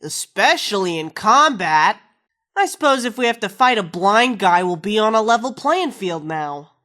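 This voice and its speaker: A woman's voice: mid-range voice, lively intonation, normal speed, sharp tone. An actress playing a wisecracking, foul-mouthed woman companion in a video game, sarcastic and slangy. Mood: sardonic.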